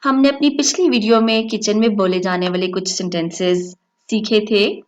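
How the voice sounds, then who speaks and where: A woman hosting an English lesson, repeating each phrase slowly and carefully for learners. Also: medium pitch, fairly even intonation, slight background noise. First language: Hindi or Urdu. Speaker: English teacher, channel host. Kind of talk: slow instructional lesson.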